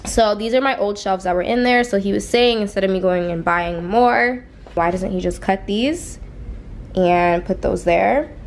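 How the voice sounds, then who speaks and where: Chatty young woman with a gravelly voice. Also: medium pitch, measured pace, a little hiss or hum. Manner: chatty, emphatic, drops casual swears. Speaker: lifestyle vlogger. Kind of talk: casual vlog chat. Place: indoors at home in a small room. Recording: echoey room, faint home ambience.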